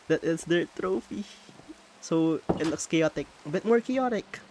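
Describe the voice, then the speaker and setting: A Filipino-accented streamer from the Philippines talks expressively and casually as he builds in a game, thinking aloud in a slightly high voice. Because Tagalog is his first language, he often stops mid-sentence to find the right English word, and a faint hiss sits under the recording.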